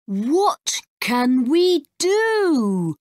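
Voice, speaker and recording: A woman's voice: high-pitched, big pitch swings, a bit bright, no echo, clean studio sound, pitched above the performer's own voice, full character voice. A woman doing a worried young boy. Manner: slow, earnest storybook voice.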